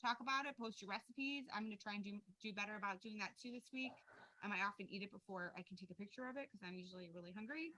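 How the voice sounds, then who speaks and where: A woman's voice: mid-range voice, quick pace, sharp tone, dry recording, rough recording. A woman coaching a wellness group, chatting casually and upbeat over a video call, with lots of fillers. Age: adult with a young daughter.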